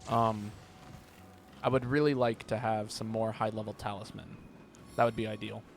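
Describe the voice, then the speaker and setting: A man's voice: lowish voice, little pitch movement, moderate pace. Man rambling through a game stream, noisy background. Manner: rambling, thinking aloud. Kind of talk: casual live gaming commentary. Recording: clear background noise.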